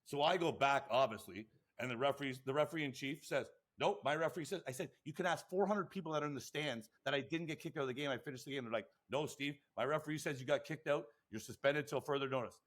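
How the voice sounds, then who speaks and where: A man, a lacrosse podcast co-host and coach, telling rambling, excitable stories full of acted-out quotes and swearing. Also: mid-range voice, quick pace. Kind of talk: animated storytelling.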